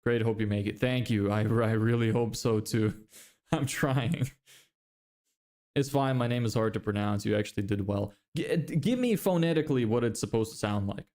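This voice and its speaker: A young Lithuanian man with a lowish, slightly mellow voice and an American-sounding English accent talks at a normal speed on a livestream. He's a streamer building a business, reading viewer comments and joking about himself in a loose way, swearing casually and laughing often.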